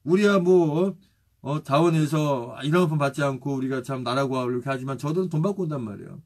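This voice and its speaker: A male pastor preaching and leading prayer, steadily reciting lists of names, with a husky voice. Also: fairly high pitch, a little fast, darkish tone. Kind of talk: sermon and spoken prayer.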